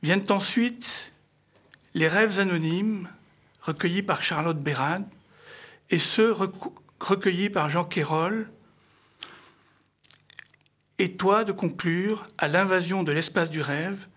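A middle-aged man presenting an author's book to an audience in formal, literary phrasing, with halting, hesitant delivery and a husky voice. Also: sits high, a bit bright. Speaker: speaker introducing an author's book. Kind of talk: semi-prepared public book presentation.

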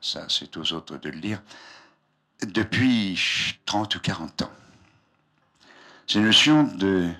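Older man, husky low-pitched voice, informal lecturer, didactic, halting phrases, old archive tape recording. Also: expressive, pushed and bright. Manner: discursive, didactic, often breaking off mid-phrase. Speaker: scientist giving a public lecture. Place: lecture hall, speaking from a raised platform.

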